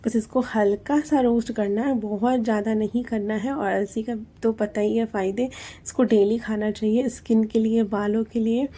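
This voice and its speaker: A woman in her thirties with a Hindi accent narrates her household routine as a casual voice-over. Her voice sits a little high but sounds soft and mellow. She chats along easily and explains each step with plenty of fillers. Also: fairly even intonation, moderate pace. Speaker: homemaker vlogger.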